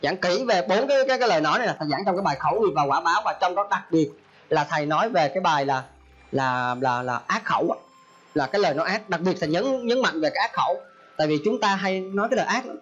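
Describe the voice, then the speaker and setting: A man's voice: sits high, lively intonation, fast talker, a bit bright, husky, muffled recording, faint music behind. A male Buddhist monk giving a folksy sermon, often acting out the people he quotes. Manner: folksy, acts out quoted speech. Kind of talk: Dharma talk sermon.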